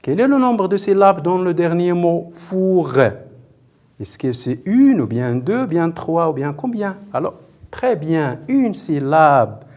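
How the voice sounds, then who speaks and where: A man's voice: a little high, big pitch swings, takes it slowly, a little mellow. A man teaching a televised primary school lesson, patient and repetitive, questioning and praising pupils as he spells out words syllable by syllable.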